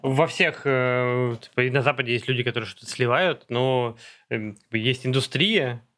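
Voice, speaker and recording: A man's voice: mid-range voice, normal speed, a bit bright. A man streaming a reaction to a video, joking casually with many fillers.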